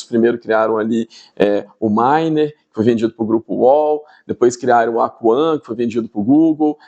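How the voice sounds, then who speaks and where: A middle-aged Brazilian man from Espírito Santo speaks with a Minas Gerais accent in a medium-pitched, slightly mellow voice. As a podcast guest and tech entrepreneur, he explains things conversationally during an interview, often checking in with tag questions.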